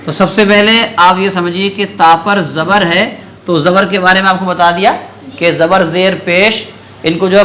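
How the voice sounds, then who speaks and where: A man with a high, bright voice leads a class in Quran recitation. He fires questions at the students and repeats their answers. When he demonstrates a word, he draws the syllables out slowly. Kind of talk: classroom lesson with call-and-response.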